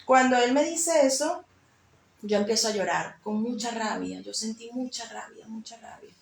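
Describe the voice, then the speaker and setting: Woman, emotional faith testimony, creaky tone, roomy sound. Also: fairly high pitch, normal speed, a little hiss or hum. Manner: emotional, storytelling with frequent fillers. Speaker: guest sharing testimony. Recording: echoey room with faint ambience.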